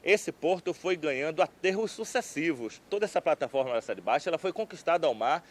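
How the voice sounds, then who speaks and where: A man speaking as an expert interviewee, explaining in a deliberate, lecturing manner. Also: fairly high pitch, lively intonation, a little hiss or hum.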